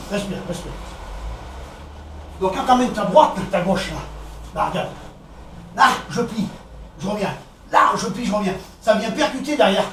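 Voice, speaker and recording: A man with a French accent coaching a boxing session, counting out combinations and calling out punches in short, brisk commands. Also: extremely high pitch. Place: echoey boxing gym. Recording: echoey gym, distant camera, background noise.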